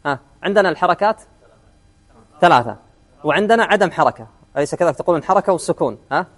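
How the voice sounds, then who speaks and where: A man's voice: a little high, animated, fast talker. A man teaching an Arabic grammar lesson in class, often quizzing his students and repeating key words.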